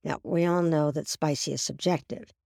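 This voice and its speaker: Gravelly-voiced woman host telling stories. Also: low voice, normal speed, dry recording, studio quality. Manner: animated, acts out dialogue in her stories. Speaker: host and coach. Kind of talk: storytelling monologue.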